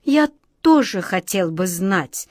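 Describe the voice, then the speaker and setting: A woman voicing a polite young wizard who speaks in a hesitant, measured way. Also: on the high side, expressive, dry recording, clean studio sound. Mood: puzzled.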